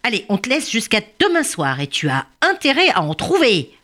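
A woman voicing a big bullying female ostrich who talks in a high, sneering, whining way. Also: wildly swooping pitch, moderate pace, fairly bright tone.

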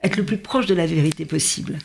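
A woman's voice: lowish voice, fast, vocal fry, a little hiss or hum. A woman hosting a literary interview, asking admiring questions and finishing her guest's sentences for him. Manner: admiring, prompting, fills in the guest's words. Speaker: host of a literary show.

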